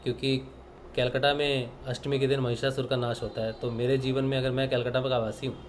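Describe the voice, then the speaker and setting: A man's voice: medium pitch, level tone, fairly quick. A man from Punjab with a mid-range voice gives a spiritual discourse to a meditation group. He talks in an earnest, reflective way and slips into acting out the dialogue of the stories he tells. There is a faint hum of background noise. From Punjab, India. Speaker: meditation session leader.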